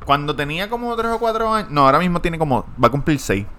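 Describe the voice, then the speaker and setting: A man's voice: fairly high pitch, very animated, fast, bright, forceful tone. A man, co-hosting a podcast in casual chat, blunt, crude and joking. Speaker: podcast co-host.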